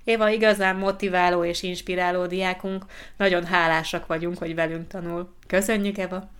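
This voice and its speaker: A woman hosting a language-learning podcast, chatting casually and reading a listener's letter aloud in a calm, clear, measured way. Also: fairly low pitch. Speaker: podcast host for Hungarian learners.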